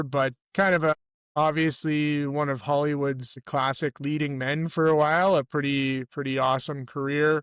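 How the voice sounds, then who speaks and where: A man's voice: fairly high pitch, fairly bright tone, smooth, no room sound. A middle-aged Canadian man co-hosting a casual sports podcast, rambling and correcting himself as he tells stories. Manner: rambling, self-correcting storyteller. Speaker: podcast co-host.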